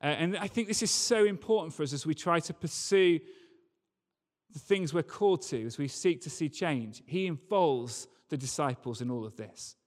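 Here the preacher sounds animated, with a fairly high voice at a moderate pace. He reads scripture and talks it through casually during a church service, and the big hall adds a long reverb.

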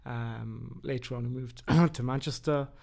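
A man's voice: medium pitch, steady tone, measured pace, creaky, a little mellow. A man raised in England, a podcast guest who talks hesitantly with many fillers. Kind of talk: casual conversation.

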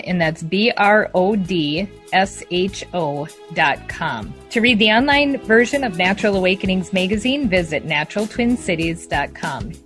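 A woman hosting a radio talk show, upbeat and polished as she introduces guests. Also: medium pitch.

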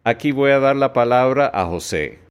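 A man hosting a podcast, reading his script in a measured, precise way. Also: mid-range voice, lively intonation, clear, resonant tone. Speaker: podcast host.

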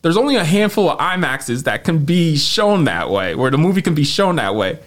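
A man with a slightly high voice, chatting casually on a podcast. He rants about movies in a profane, animated way, loose and unscripted. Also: brisk. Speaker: podcast co-host. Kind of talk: casual chat.

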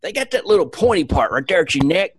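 A man's voice: high voice, very animated, fast talker, slightly rough, no room sound, pitched above the performer's own voice, heavily acted. A man putting on a crude drawling Southern spaceman. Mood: rambling. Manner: rambling, crude, full of fillers and restarts. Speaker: podcast co-host. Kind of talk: comic in-character recap.

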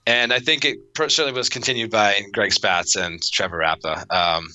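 A man's voice: on the low side, steady tone, normal speed, bright, forceful tone. A man in his thirties talking casually as an interview guest, rambling with lots of restarts and fillers. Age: 30s. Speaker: podcast guest.

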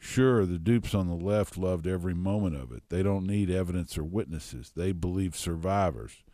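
A man's voice: low-pitched, normal speed, warm tone, no echo. A man hosting a political talk radio show, reading commentary aloud in a combative, scornful way with asides and fillers. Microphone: radio studio microphone.

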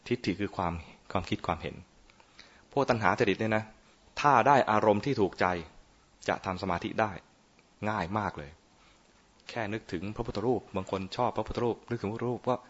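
In a fairly low, breathy voice, a monk speaks briskly but pauses often. He leads a playful, informal dharma talk on meditation, regularly quizzing his audience, heard through muffled lo-fi audio.

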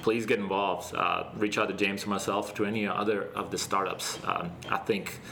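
A man answering interview questions casually as a guest, speaking in an earnest, reflective and halting way. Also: deep voice, fairly even intonation, gravelly, sharp tone, slight background noise. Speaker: interview guest, startup founder.

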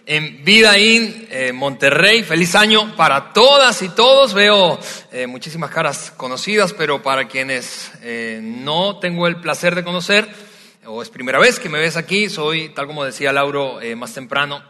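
A man from Venezuela, preaching a sermon in a relaxed, storytelling way, often pausing with hesitations. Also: on the high side. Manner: warm, conversational storytelling with frequent hesitations. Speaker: pastor. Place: large church hall. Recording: long hall reverb from a large church.

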